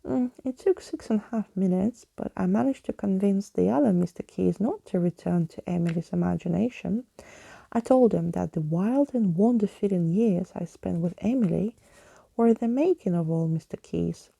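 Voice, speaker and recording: Woman voicing a gallant, gravelly skeleton, Skeleton Keys. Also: medium pitch, normal speed, warm tone, dry recording. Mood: earnest, grand. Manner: florid, old-fashioned wording. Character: chatty, gallant old skeleton adventurer with key fingers.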